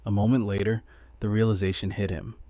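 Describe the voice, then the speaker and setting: A man's voice: fairly low pitch, flat delivery, brisk, dark tone, dry recording, clean studio sound. A man narrating a comic recap in a scripted, dramatic storytelling manner.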